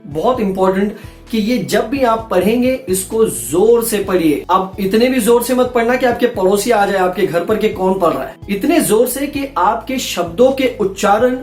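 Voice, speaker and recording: A man, a voice-over artist, addresses viewers as friends during a playful, casual pronunciation lesson. His high voice has a darkish tone and lively intonation at a moderate pace, and the sound is echoey with faint background music.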